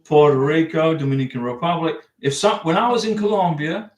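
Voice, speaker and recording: In an echoey home room, an American man streams visa advice, reading comments aloud and replying in a loose, rambling style. His voice sits on the high side and is expressive, moving a little fast.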